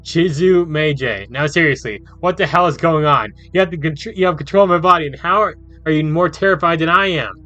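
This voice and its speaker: A man voicing a terrified, angry teenage boy trapped in his own body, yelling in a frantic way. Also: on the high side, rapid-fire, hardly any pauses, highs cut off, voice pushed up. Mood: panicked, angry.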